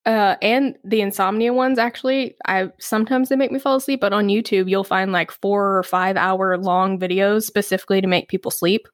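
A woman's voice: mid-range voice, steady tone, brisk, hardly any pauses, dry recording. A woman co-hosting a podcast in casual chat, chatty and reading research notes aloud. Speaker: podcast co-host.

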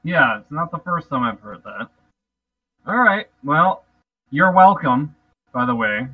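Man, tabletop player, wry and joking, husky, lively pitch, muffled distant mic. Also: a little slow. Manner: wry, joking, laughs often. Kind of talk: in-character tabletop play.

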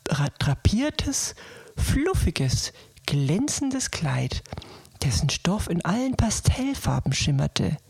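Soft breathy woman reading a bedtime story. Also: on the low side, dry recording. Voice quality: breathy, often whispered. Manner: soft, slow, soothing.

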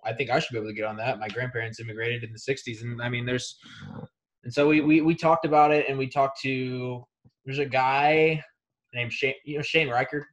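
On a low-quality recording, a young man speaks fairly quickly in a mid-range voice. He is a Kansas City college wrestler being interviewed, and his talk is laid-back and rambling, packed with fillers and false starts.

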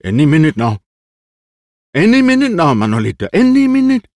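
Here is a fussy, vain old stage actor, voiced by a man in a one-man radio play, frantic about his props and his cue. His voice sits low but leaps into shrill, theatrical bursts. It is recorded close and dry, with no room sound. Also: big pitch swings, a little slow, dry recording. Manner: frantic, theatrical, high-pitched outbursts.

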